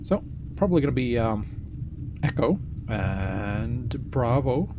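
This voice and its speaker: A man giving casual pilot commentary, halting and thinking aloud as he works through checks. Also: medium pitch, animated, highs cut off. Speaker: flight simulator pilot and host. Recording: loud engine-like noise behind voice. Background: loud vehicle ambience.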